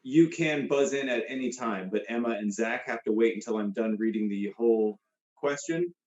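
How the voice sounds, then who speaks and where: A man's voice: mid-range voice, moderate pace, darkish tone, roomy sound, dull audio. A man hosting a casual comedy trivia game, rambling with many fillers and restarts. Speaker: host. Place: room with a guest beside him.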